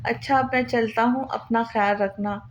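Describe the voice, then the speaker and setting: A woman's voice: on the high side, fairly even intonation, normal speed, slight background noise, close to an everyday voice. A woman reading the lines of an affectionate, doting young husband. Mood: earnest. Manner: doting, coaxing.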